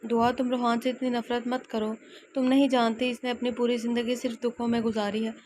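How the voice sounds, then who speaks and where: A woman voicing a gentle, caring elderly grandmother in a romance audiobook. The grandmother speaks in a gentle, confiding way. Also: fairly high pitch, level tone, brisk, a little hiss or hum, natural voice.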